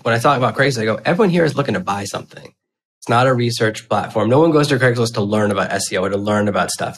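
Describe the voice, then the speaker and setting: Chatty lower-pitched male podcast host. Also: fairly bright tone. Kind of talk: conversational interview.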